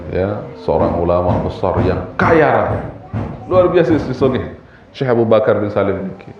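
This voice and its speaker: A man with a Sasak Lombok accent delivers a relaxed sermon, joking and tossing rhetorical questions at his listeners. He speaks slowly in a plain middle register. The sound is dull and distant, washed in heavy hall echo. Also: medium pitch, slight background noise. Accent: Sasak-accented Indonesian from Lombok. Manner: chatty and joking, firing rhetorical questions at the congregation. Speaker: preacher. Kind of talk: weekly religious study sermon.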